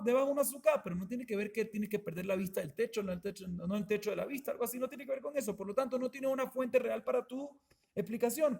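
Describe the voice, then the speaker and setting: Man, fairly high voice, rabbi's Talmud lesson, repeats himself, rhetorical questions. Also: vocal fry, darkish tone. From Colombia. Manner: explanatory, repeats and rephrases, asks the class rhetorical questions. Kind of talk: Talmud class explanation.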